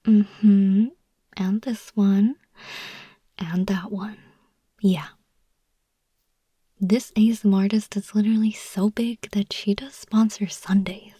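Slow breathy whisper, close and dry: woman voicing an anxious, self-deprecating young woman pleading softly, ASMR roleplay. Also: medium pitch, fairly even intonation, no echo. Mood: earnest, persuasive. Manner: soft, confiding, pleading.

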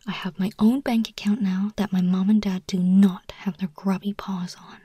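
A young woman performing a whispered ASMR roleplay as an anxious, broke young woman, speaking in a soft, confiding, pleading way. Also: medium pitch, fairly even intonation, moderate pace, no echo, clean studio sound, natural voice. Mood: earnest, persuasive. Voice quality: breathy whisper.

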